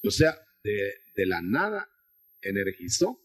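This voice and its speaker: A man delivers a teaching sermon, walking through scripture and calling his listeners brother. His voice is husky, and his pitch rises and falls with animation as he restarts and repeats phrases. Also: sing-song, takes it slowly. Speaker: preacher. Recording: 1990s.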